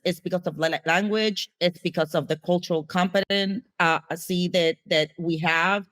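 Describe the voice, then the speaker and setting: Casting: Puerto Rican woman, Spanish as first language, interview guest, halting delivery full of ums and restarts, dry sound. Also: lowish voice, fairly bright tone, dry recording. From Puerto Rico. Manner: hesitant, many fillers and restarts. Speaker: guest, HIV educator. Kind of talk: casual interview answers.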